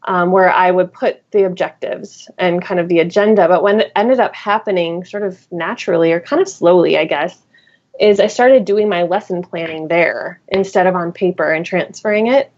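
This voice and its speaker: A woman's voice: lowish voice, moderate pace, darkish tone. A woman teacher and guest author in a casual podcast conversation, thinking aloud with fillers and restarts. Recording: dull lo-fi recording.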